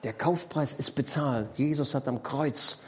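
Emphatic male preacher, middle pitch. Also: unhurried. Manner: explains with questions to the congregation; emphatic, repeats key phrases. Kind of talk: sermon.

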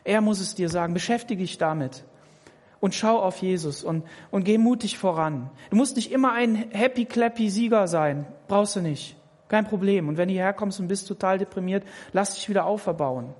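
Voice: medium pitch, normal speed, a little mellow. A preacher giving a sermon, speaking directly to each listener and repeating words to drive points home. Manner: emphatic, repeats words when pressing a point. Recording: long hall reverb.

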